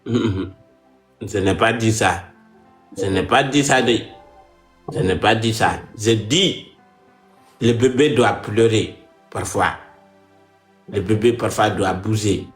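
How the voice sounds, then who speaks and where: A man's voice: lowish voice, takes it slowly, long pauses. A man with a West African French accent in a comic couple-argument sketch, mocking and repetitive. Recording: roomy echo with faint music.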